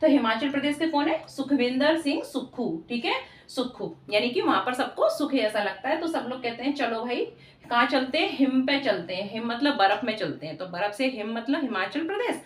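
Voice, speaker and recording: Woman teacher for exam prep, high voice, echoey room, drills answers by repeating them. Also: lively intonation, fairly quick, distant mic. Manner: repeats questions and answers, frequent "theek hai".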